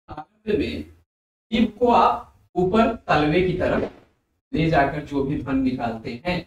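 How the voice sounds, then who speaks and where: A man teaching a Hindi grammar lesson for exam preparation, explaining slowly and repeating letters and sounds aloud for his students. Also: fairly high pitch. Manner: addresses viewers as dear friends. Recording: very echoey room.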